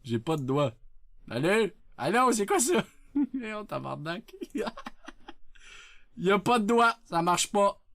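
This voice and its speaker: A Québécois man on a live stream talks loudly through a sensitive desk mic, joking with his chat and bursting into laughs. His pitch jumps all over the place while his delivery stays unhurried. The sound is dry and close, with no room around it. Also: animated, creaky, dry recording. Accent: Québécois French. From Quebec. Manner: loud, jokey, laughs often. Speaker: Twitch streamer.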